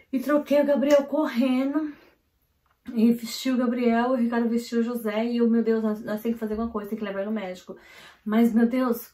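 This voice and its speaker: A woman from Brazil, vlogging at home and telling a family story in a hurried, animated way, full of "então, assim" fillers. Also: a little high. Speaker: vlogger and mother. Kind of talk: casual storytelling to camera. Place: at home, indoors. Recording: roomy echo of a home room.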